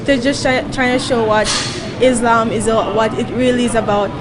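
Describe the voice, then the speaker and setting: A young Jamaican woman volunteering as a guest answers interview questions earnestly, searching for words as a noisy crowd surrounds her. Her voice is a little high and steady, at a moderate pace.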